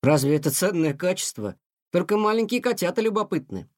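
A man's voice: high-pitched, big pitch swings, a little fast, a little mellow, no room sound, clean studio sound. A man voicing an unsure teenage male cat who talks in a whiny, upset, questioning way. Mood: plaintive. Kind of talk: audiobook character voice.

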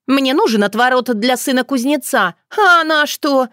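A woman voicing a brash, quarrelsome young village girl who talks loudly and shrilly. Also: sing-song, a little slow, no room sound, studio quality, full character voice. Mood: indignant. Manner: loud, shrill, indignant.

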